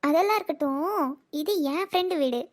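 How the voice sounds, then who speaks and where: A woman's voice: very high-pitched, fairly quick. A woman voicing a teasing, scheming teenage sister in a cartoon, needling her brother with mock threats. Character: teen girl, teasing and scheming younger sister.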